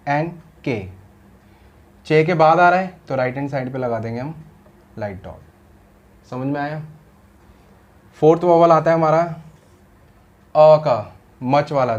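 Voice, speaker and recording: A man's voice: a little high, highs cut off. A man teaching shorthand in a classroom style, explaining step by step and asking rhetorical questions, mixing Hindi with English terms.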